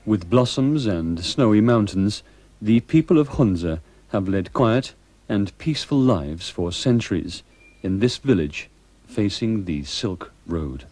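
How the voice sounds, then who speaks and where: A man's voice: fairly low pitch, animated, a little slow, darkish tone, dry recording. A man reading scripted narration for a travel documentary.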